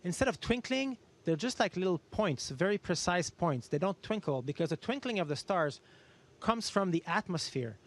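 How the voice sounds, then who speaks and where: Answering students' questions in an educational talk, this Canadian astronaut keeps his explanations simple and uses everyday comparisons. He speaks at a moderate pace in a high voice with lively intonation.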